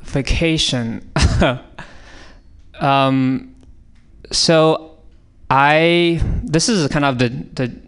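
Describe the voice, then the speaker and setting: Improvising comedy on audience prompts in a radio studio, a man from China with a Chinese accent rambles through bits full of fillers and restarts. He talks extremely slowly with long pauses, in a fairly high, clear, resonant voice that's a bit bright.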